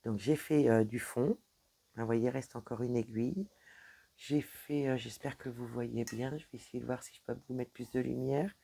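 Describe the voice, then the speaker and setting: Chatty french lady showing her stitching at her desk, kinda mellow, trips over words a lot. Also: extremely low pitch, fairly even intonation, moderate pace, creaky, husky. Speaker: cross-stitch vlogger. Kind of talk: casual show-and-tell vlog. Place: home office desk.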